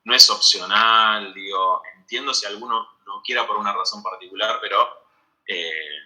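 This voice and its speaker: A man's voice: fairly low pitch, normal speed, bright, forceful tone, rough recording. A man giving an online medical school lecture, explaining step by step and checking in with "¿sí?" again and again.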